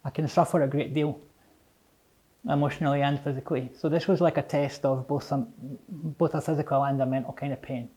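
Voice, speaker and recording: A middle-aged man with a Scottish accent and slightly slurred, toothless articulation, speaking reflectively and haltingly in an interview, often repeating phrases. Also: fairly high pitch, steady tone, dark tone, poor audio. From Edinburgh, Scotland. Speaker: interviewee, English teacher.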